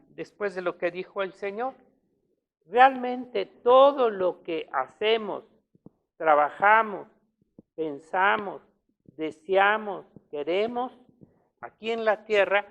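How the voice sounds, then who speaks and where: Gravelly woman preaching a sermon. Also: lowish voice. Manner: emphatic, with frequent rhetorical tag questions; clears throat often.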